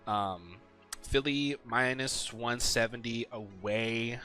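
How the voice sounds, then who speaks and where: A man's voice: mid-range voice, slow pace, pushed and bright, faint music behind. A man casually talking through his weekly game picks, rambling with lots of ums and some swearing. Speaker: sports picks video host. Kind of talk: casual solo commentary.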